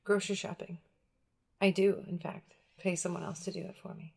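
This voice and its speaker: A young woman as a guest in a casual conversation, relaxed and laconic, often answering with short agreements. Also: lowish voice, brisk, vocal fry, breathy edge. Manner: relaxed, laconic, lots of mm-hmms.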